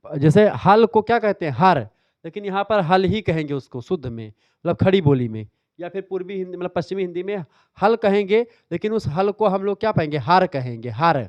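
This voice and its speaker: High, smooth-voiced man teaching revision. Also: brisk, dry recording, highs cut off. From northern India. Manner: explanatory, repeats "ठीक है" often. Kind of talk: exam revision lecture.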